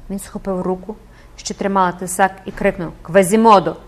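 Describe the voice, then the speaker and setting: A woman's voice: mid-range voice, level tone, brisk. A woman narrating an audiobook dramatically and expressively, rising with the action.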